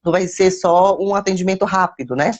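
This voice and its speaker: A woman's voice: on the low side, fairly quick. A woman telling her personal faith testimony to live viewers. She repeats words and phrases for emphasis and calls out to viewers by name. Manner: addresses viewers by name mid-story. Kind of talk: personal testimony, casual storytelling.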